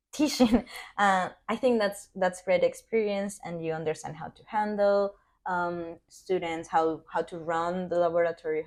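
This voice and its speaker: Earnest young woman, fairly low voice. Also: darkish tone. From Venezuela. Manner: earnest, laughs often, searches for words. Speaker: podcast guest, PhD student. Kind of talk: casual interview chat.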